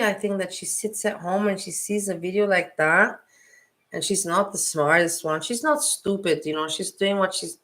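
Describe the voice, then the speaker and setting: A woman's voice: fairly low pitch, a bit bright. A woman with a non-native English accent, hosting a casual livestream and talking bluntly, with heat and free swearing. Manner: blunt, heated, swears freely. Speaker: livestream host. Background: music playing.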